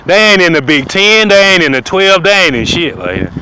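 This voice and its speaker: A man ranting profanely outdoors, preaching loudly at times and dropping to a low mutter. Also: sing-song, moderate pace. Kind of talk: outdoor rant to camera. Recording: wind noise outdoors.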